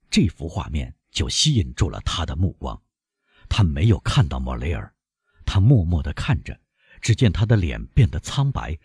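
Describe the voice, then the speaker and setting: A man with a deep, husky voice reads a novel aloud. His delivery is dramatic and swings widely in pitch. The recording is dry and close. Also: dry recording. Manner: expressive, dramatic. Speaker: audiobook narrator. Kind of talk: dramatic audiobook narration.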